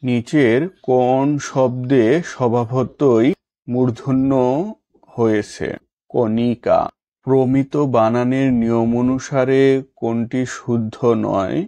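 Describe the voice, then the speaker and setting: A man reading an exam-prep lesson in a formal, measured way, stating each question and then its answer. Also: mid-range voice, fairly even intonation, dark tone, no echo.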